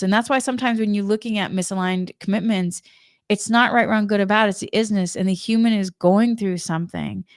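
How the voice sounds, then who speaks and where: A woman's voice: on the low side, clear, resonant tone, dry recording, clean studio sound. A woman giving a casual, emotional personal monologue as a spiritual energy coach, chatting directly to her listeners.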